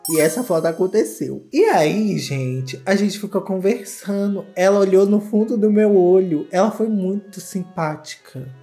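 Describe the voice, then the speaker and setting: A man's voice: high-pitched, a little slow, hardly any pauses, warm tone, faint music behind. A Brazilian man hosting a comedic reaction video, campy and exclamatory, gossiping and gushing as he comments. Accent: Brazilian Portuguese. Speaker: YouTuber host.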